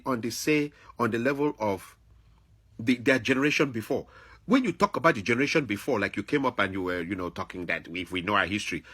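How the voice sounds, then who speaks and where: This vlogger, a man from Africa, speaks in a mid-range, slightly bright and slightly rough voice. Confronting another person in an opinionated monologue, he admonishes them and repeats phrases for emphasis.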